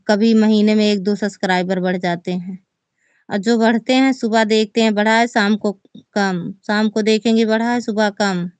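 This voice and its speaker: A woman's voice: mid-range voice, no room sound. A woman with an Awadhi accent, a folk singer chatting casually on a live stream and reading viewers' comments aloud before answering them.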